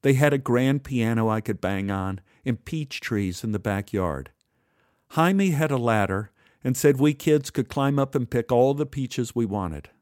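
A man's voice: mid-range voice, darkish tone, no room sound, studio quality. A man narrating his own memoir in a wry, conversational way. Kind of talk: storytelling narration.

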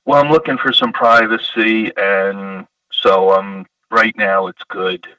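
A man's voice: on the low side, steady tone, slow pace, sharp tone, dry recording. A man calling into a podcast over a phone line, chatting in an easygoing, upbeat way. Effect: heard over a phone line. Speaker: caller. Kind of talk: casual chat. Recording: distant call-in phone audio.

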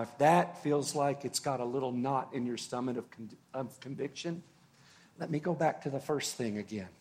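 A man preaching a sermon as pastor, earnest and unhurried, with long pauses and words that fall away softly. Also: mid-range voice. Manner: slow, earnest preaching with long pauses and soft drops in volume.

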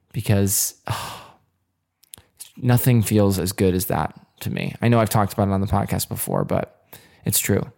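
Man, podcast host, casual solo monologue, earnest, rambling, somewhat low voice. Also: gravelly, darkish tone. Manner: earnest, rambling with many fillers and restarts.

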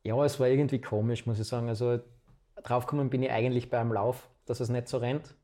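A man's voice: mid-range voice, fast. A man in his twenties with an Austrian accent, telling his own story as a guest in a casual, chatty interview. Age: 20s. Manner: chatty, relaxed anecdotal storytelling.

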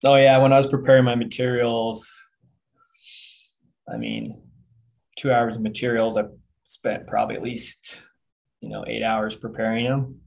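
A man's voice: mid-range voice, expressive, moderate pace, creaky, pauses often, a little mellow. A man co-hosting a podcast, an attorney talking in an easygoing, self-deprecating way. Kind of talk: casual chat.

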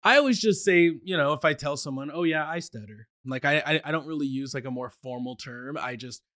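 A man's voice: fairly high pitch, fairly quick, bright, forceful tone, no echo, clean studio sound. A man who stutters at times, talking casually as a podcast guest. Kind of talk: casual conversation.

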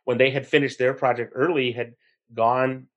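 A man telling a story in an interview, animated and acting out the people in it. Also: medium pitch, normal speed, dull audio. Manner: animated, acts out characters in the story.

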